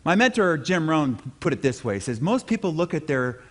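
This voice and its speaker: A middle-aged man speaking as a motivational speaker at a live seminar, telling stories in an animated, punchy way with self-deprecating humor. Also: fairly high pitch, brisk. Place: stage before a live audience.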